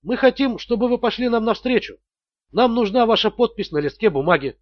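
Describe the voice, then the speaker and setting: A man's voice: very high voice, animated, fairly quick, highs cut off, pitched above the performer's own voice. A man voicing a menacing, mocking male extortionist in an audiobook thriller, cool and sneering. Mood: coolly menacing. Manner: coolly mocking, bursts into screams. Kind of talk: audiobook character voice.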